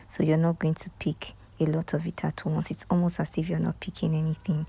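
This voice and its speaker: Her voice sits low and creaky with a slight roughness as this Nigerian woman casually narrates a hair tutorial. She often slips into soft, half-whispered asides to her viewers.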